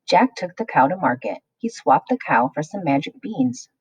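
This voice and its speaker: A woman reading a children's picture book aloud, expressive and addressing young listeners. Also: sits low, breathy edge, dry recording, low-quality recording. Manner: slow, expressive, plays along with listeners. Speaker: children's storyteller.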